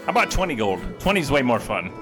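A male tabletop game player talks casually and narrates his character. His pitch is average. Music runs clearly behind the voice. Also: big pitch swings, fast talker.

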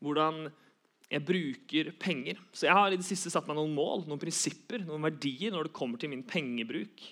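A man's voice: fairly high pitch, a bit bright. A young man giving an earnest sermon, repeating key phrases for emphasis. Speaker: preacher.

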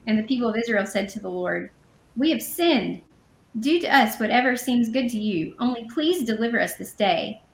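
A woman's voice: fairly high pitch, expressive, moderate pace, vocal fry, echoey room. A woman co-hosting a casual podcast, reading Bible passages aloud and then explaining them in a chatty way with fillers and self-corrections. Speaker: podcast co-host.

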